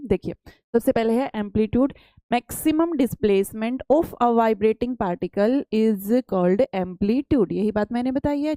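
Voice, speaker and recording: A young woman teaching a science class, patient and repetitive, keeps putting questions to her pupils and answering them herself. Her voice sits a little high, with a warm, mellow tone. The sound is close and dry, with no room echo. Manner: explains patiently, repeats questions back to pupils.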